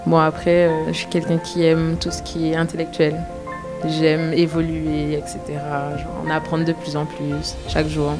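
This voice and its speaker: A woman's voice: deep voice, monotone, moderate pace, over music. A woman contestant talking cheerfully and confidently about herself. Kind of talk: speaking to camera.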